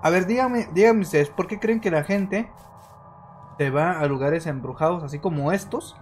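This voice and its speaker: A man streaming a horror game, chatting to his viewers and getting jumpy and excitable, yelling when scared. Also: a little high, moderate pace, a little hiss or hum. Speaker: gaming streamer. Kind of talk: let's-play commentary.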